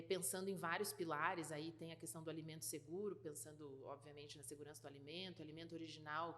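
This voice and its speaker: A woman from Rio Grande do Sul, Brazil, speaks Portuguese with a light gaúcho accent as a guest who is a partner in a food certification business. Her voice is low-pitched yet fairly bright, with a long reverb tail. Answering interview questions about her work thoughtfully, she pauses often, using many fillers and restarts.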